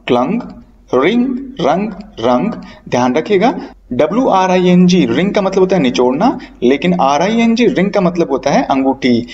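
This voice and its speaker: A man's voice: a little high, a little mellow. A male English teacher drilling verb forms in a repeated chant, explaining rules and calling his students "beta". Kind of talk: verb-form drill lesson. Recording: dull lo-fi sound, mic set back.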